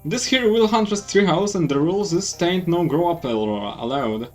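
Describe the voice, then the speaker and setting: A man's voice: fairly high pitch, animated, moderate pace, distant mic, soft background music, close to an everyday voice. A man voicing a cheeky young country boy who talks in a folksy, boastful drawl.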